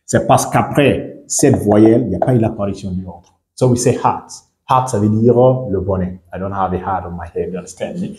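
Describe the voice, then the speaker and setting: A man from Guinea teaching a lesson, repeating each word slowly and often asking whether the listener understands. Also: on the low side, mellow, echoey room. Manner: repeats words slowly, checks understanding with questions. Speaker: English teacher. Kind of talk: bilingual classroom lesson.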